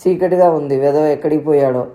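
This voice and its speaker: A woman's voice: low-pitched, fairly quick, dark tone, lightly acted. A woman voicing an elderly grandmother in a storybook reading, fretful and commanding. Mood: worried.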